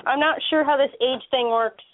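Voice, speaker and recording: A woman around thirty, co-hosting a casual chat in a relaxed way and laughing easily. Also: sits high, normal speed. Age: 30s. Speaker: podcast co-host. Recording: tinny phone-like line.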